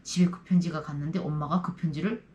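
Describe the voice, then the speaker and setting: A woman's voice: deep voice, fast, highs cut off, slight background noise. A North Korean woman casually telling a personal story to the camera, often acting out the voices of people she quotes. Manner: lively, acts out quoted voices. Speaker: YouTube storyteller.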